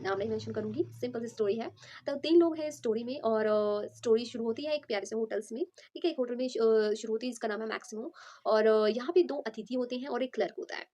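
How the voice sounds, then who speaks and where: A woman's voice: a little high, dark tone. A woman telling a simple motivational story in a casual, chatty way, with many fillers and restarts.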